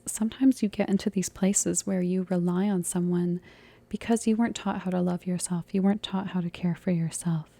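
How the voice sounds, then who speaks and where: A woman doing a whispered role-play as an ASMR tarot reader, soft and comforting, slipping between a low voice and an unvoiced whisper, her voice tired and cracking. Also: creaky, dry recording.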